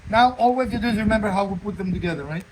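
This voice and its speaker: A man's voice: high voice, rapid-fire, a little mellow, low-quality recording. A man explaining a repair in a casual, joking how-to chat, often checking with short tag questions. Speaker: co-host demonstrating a DIY repair. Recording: phone video with faint background noise.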